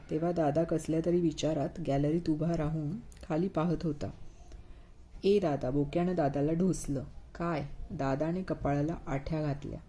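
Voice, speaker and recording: A woman's voice: low voice, dark tone. A woman reading a bedtime story aloud, voicing the characters with light expression.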